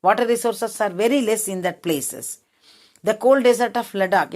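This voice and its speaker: A woman with an Indian English accent teaches a geography lesson. She reads a passage, then goes back over it in plainer words, often restarting her sentences. Her voice sits at an ordinary middle pitch. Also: a little mellow. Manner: rephrases each point in simple words, asks if it is clear. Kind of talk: classroom lesson, reading then explaining.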